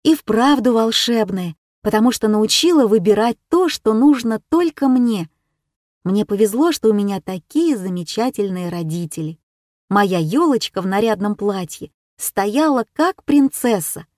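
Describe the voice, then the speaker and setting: A woman reading a children's story aloud in the first person, unhurried and warm. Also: medium pitch, lively intonation, no room sound, studio quality. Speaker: narrator.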